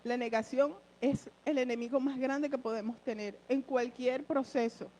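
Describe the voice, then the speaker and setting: A woman's voice: high-pitched, fairly even intonation, normal speed, warm tone, a little hiss or hum, rough recording. A woman giving an earnest personal testimony in church, short of breath with emotion and speaking straight to her listeners. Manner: earnest, addresses listeners directly.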